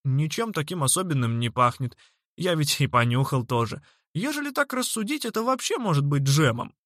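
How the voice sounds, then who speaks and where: A man voicing a scruffy, stubborn little boy waiter who talks bluntly and rambles deadpan. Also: on the high side, moderate pace, no echo, clean studio sound. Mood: rambling.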